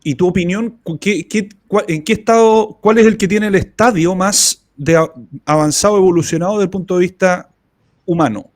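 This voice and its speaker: A man with a somewhat high voice hosts a casual interview. He backs up his guest with short agreeing words and asks follow-up questions. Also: normal speed. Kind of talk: conversational interview.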